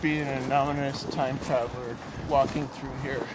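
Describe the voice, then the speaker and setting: A man's voice: medium pitch, fairly even intonation, moderate pace. A man hiking alongside the vlogger, making offhand, joking remarks in casual chat. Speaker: hiking companion. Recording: distant voice outdoors with clear noise.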